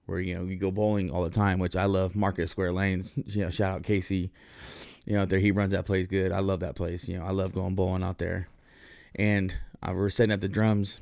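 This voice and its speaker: A man's voice: fairly low pitch, a little mellow, smooth, dry recording, studio quality. Rambling, cursing man hosting his show. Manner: rambling, profane, lots of fillers. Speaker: podcast host. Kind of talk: casual storytelling monologue.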